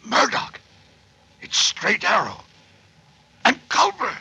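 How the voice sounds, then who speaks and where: An actor playing a jittery, crooked henchman with a raspy voice in a vintage radio western. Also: sits high, huge pitch swings, slow, bright, forceful tone, heavily acted. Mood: alarmed. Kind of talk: 1940s radio western acting.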